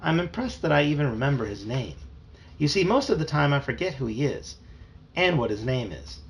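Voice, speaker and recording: A man reading a children's novel aloud with an expressive delivery. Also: a little high, fairly quick, creaky, muffled recording, a little hiss or hum. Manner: animated, expressive. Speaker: storybook reader.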